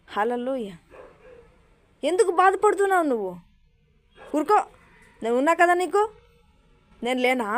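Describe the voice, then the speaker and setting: Woman voicing God as a tender comforting father. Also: sits high. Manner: soothing, pleading questions, calls listener "little darling".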